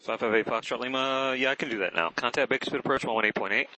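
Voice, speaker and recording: A man's voice: medium pitch, racing, sharp tone. A man working as an air traffic controller, giving clipped, matter-of-fact procedural instructions over radio. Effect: aviation radio transmission. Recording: noisy radio link with clicks.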